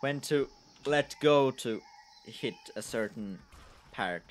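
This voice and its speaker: Male gaming host, rambling casual commentary, mid pitch, hesitant. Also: slow pace, slight background noise. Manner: rambling, hesitant, self-deprecating. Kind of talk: casual let's-play commentary.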